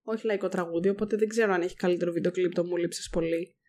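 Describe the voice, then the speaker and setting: A woman in her twenties co-hosting a casual chat, opinionated and animated, often cutting in. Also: fairly low pitch. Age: 20s. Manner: opinionated, animated, quick to interject. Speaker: podcast co-host.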